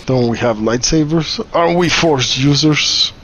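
A man's voice: fairly high pitch, unhurried, a bit bright, muffled recording. A man playing games with a friend, playful and teasing, laughing often. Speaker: co-player. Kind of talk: casual gaming banter.

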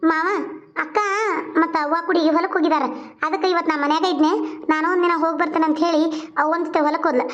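A woman's voice: extremely high pitch, flat delivery, fast, long pauses, a bit bright, muffled recording. A woman voicing a dutiful, caring young village girl in a cartoon serial, speaking earnestly. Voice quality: earnest, talks things through at length.

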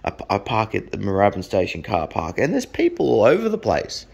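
A man's voice: lowish voice, wildly swooping pitch, brisk, vocal fry, darkish tone, slightly rough. An Australian man telling a blunt, profane anecdote in a rambling, casual way. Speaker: storyteller.

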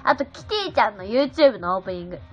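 On a casual livestream, a young woman talks fast and animatedly in a medium-pitched voice, giggling and replying to viewers' comments. Faint music plays under the dull, lo-fi audio.

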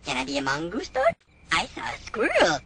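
A woman voicing a hyperactive, scatterbrained little male robot in a cartoon, with a squeaky, shrill voice and erratic random outbursts. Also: huge pitch swings, a little fast, vocal fry, a bit bright, a little hiss or hum, full character voice. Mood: giddy. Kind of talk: cartoon voice acting.

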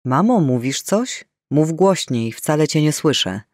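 A man's voice: fairly high pitch, big pitch swings, measured pace, darkish tone, no echo, clean studio sound. A man voicing a worried adult son on a phone call in an audiobook, urgent and firing off alarmed questions.

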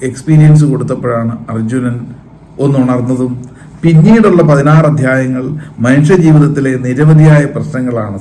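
Man giving a mellow mind talk. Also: fairly high pitch. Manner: asks his own questions and answers them, with fillers. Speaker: counsellor and trainer. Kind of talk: spoken talk on the mind and the Bhagavad Gita.

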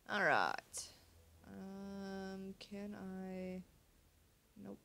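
Bright and forceful at a medium pitch, this young American gaming host has vocal fry and a stuffy, sniffly cold. Sitting at her computer at home, she casually commentates a card game let's-play, frequently muttering to herself in a laid-back way.

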